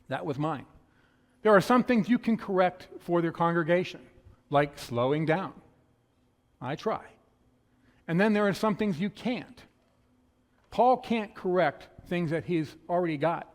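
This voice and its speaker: A fast-talking male pastor from the northern United States delivers a conversational sermon. His voice sits a little high, with a slight lisp on s sounds. A long reverb trails each phrase, as in a large church. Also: lively intonation. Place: church sanctuary.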